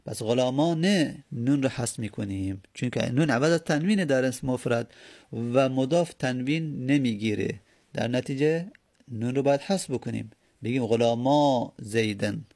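A man's voice: medium pitch, vocal fry, darkish tone. A man teaching Arabic grammar, explaining patiently step by step and repeating his examples. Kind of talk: explaining lesson.

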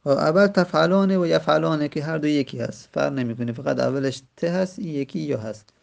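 A man teaching an Arabic grammar lesson, slowly repeating words and drawing out examples with frequent hesitant fillers. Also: on the high side, creaky, a little mellow.

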